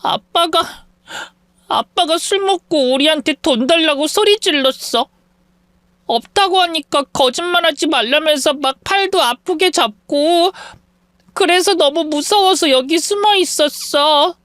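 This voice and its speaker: A man's voice: extremely high pitch, measured pace, bright, forceful tone, dry recording, studio quality, pitched above the performer's own voice, heavily acted. A man voicing a frightened small child who is crying as it speaks, in a storytelling radio reading. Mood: crying, scared. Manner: sobbing, breathless pleading.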